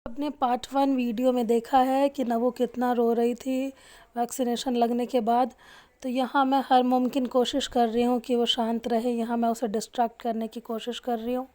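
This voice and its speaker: A young woman narrating a family vlog as a new mother, coaxing her baby with soft baby talk. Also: on the high side, level tone, moderate pace.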